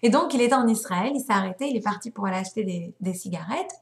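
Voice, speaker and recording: Animated woman giving a spiritual lesson. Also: medium pitch, fast, gravelly. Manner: animated, acts out voices in stories. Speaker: religious teacher. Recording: roomy echo.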